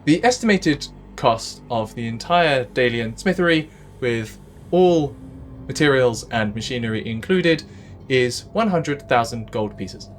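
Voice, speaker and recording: A man voicing a calm, rule-bound factory AI in a tabletop game, speaking in a smooth, formal, machine-like way. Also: mid-range voice, measured pace, slight background noise, lightly acted. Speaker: game master.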